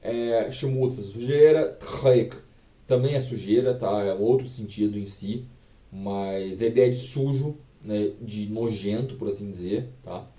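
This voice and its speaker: A man's voice: fairly low pitch, a little slow, warm tone, reverberant, far from the mic. A man teaching a casual online language lesson, chatty and profane, full of fillers.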